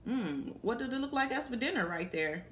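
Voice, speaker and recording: Reading a picture book to kids, this young woman stops now and then to quiz her young audience. Her fairly high voice is animated, a bit bright, and fairly quick, with a faint hiss or hum in the recording of this small, plain indoor room.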